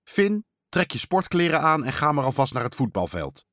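A man's voice: a little high, big pitch swings, normal speed, fairly bright tone, dry recording, studio quality, pitched above the performer's own voice. A man voicing a mother in a storybook, sounding concerned and sighing. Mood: firm. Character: worried, weary mother. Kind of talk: storybook character voice.

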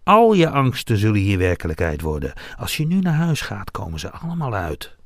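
A sinister snake from a children's storybook delivers a hissed, ominous warning, as a man reads it. The voice is dry and close, with pitch that swings widely from line to line. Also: wildly swooping pitch, fairly quick, dry recording, heavily acted. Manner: hissing, ominous. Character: menacing hissing magic snake.

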